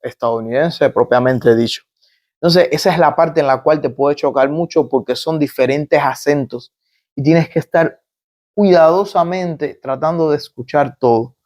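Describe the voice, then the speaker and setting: A man with a Cuban Spanish accent, speaking a little higher than most men. He walks through his experience as a guest in a casual interview, pausing, restarting and offering example after example. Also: darkish tone. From Cuba. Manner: halting, restarts phrases, explains step by step with examples. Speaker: guest, migrant doctor. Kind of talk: conversational interview explanation.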